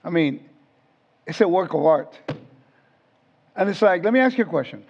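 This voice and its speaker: Speaking at a normal speed, this man has a high-pitched, expressive, creaky voice. He's a Bible teacher from Puerto Rico in his fifties, leading a conversational lesson where he frequently asks his audience questions, captured in dull lo-fi audio.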